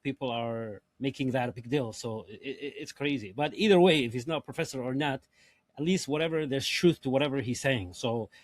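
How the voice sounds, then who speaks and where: A man's voice: mid-range voice, no echo. A man hosting a reaction show, commenting on clips with emphatic, repetitive phrasing. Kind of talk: casual commentary.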